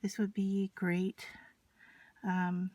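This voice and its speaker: A woman's voice: mid-range voice, completely flat delivery, extremely slow, darkish tone. A woman talks casually through a hands-on craft demonstration step by step, unscripted, while she works with her materials. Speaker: craft tutorial presenter. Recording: clear background noise, scratching and clicks from handling materials. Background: scratching and clicking of craft materials.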